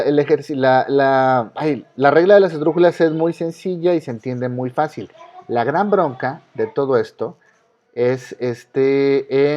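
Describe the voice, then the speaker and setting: A man's voice: mid-range voice, a little mellow, dull audio. A male teacher with a Mexican accent giving an online class, patiently repeating the rules and quizzing his students. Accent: Mexican Spanish. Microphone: video call.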